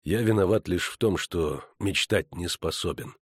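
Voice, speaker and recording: A terse, weary monster hunter, as a male reader plays him answers in low, quiet, clipped phrases. The audiobook voice sits deep and close, recorded dry with no room sound. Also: normal speed, slightly rough, no room sound. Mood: terse, subdued. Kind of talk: audiobook character voice.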